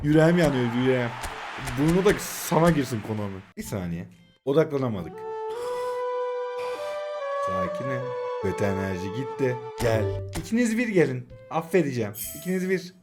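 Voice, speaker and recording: A man in his twenties commentating a late-night mobile game stream, excitable and swinging between groans and shouts. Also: mid-range voice, moderate pace, music in the background. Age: 20s. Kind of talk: live pack-opening stream commentary.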